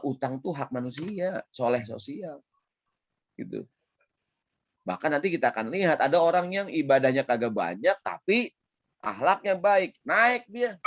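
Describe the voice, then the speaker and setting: A man preaching a casual sermon in a Jakarta Betawi accent, lively and playful, often checking in with his audience. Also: medium pitch, no room sound, muffled recording. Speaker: Islamic preacher. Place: online session.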